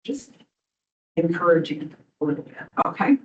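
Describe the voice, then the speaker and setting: A woman's voice: lowish voice, big pitch swings, moderate pace. Woman in a dull, distant hearing-room recording. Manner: hesitant, many ums and restarts. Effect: courtroom-style hearing room recording. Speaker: local business owner speaking at a public hearing. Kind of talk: public comment at a board hearing.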